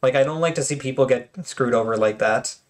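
A man hosting his channel speaks a bit fast in a medium pitch while casually reviewing tournament replays. He keeps it chatty and funny, with lots of filler words and self-corrections.

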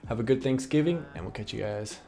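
A man's voice: mid-range voice, fast talker, creaky, soft background music. A young man on a gaming headset chatting casually about his gameplay and hyping up the fights. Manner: excitable, shouts during fights. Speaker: gaming YouTuber. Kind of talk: casual gameplay chat and vlog intro.

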